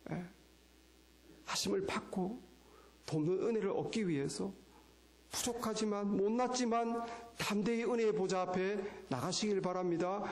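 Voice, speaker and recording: A man's voice: high voice, a little mellow. A man preaching a sermon as pastor, asking rhetorical questions and acting out quoted lines. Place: church sanctuary. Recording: echoey church hall.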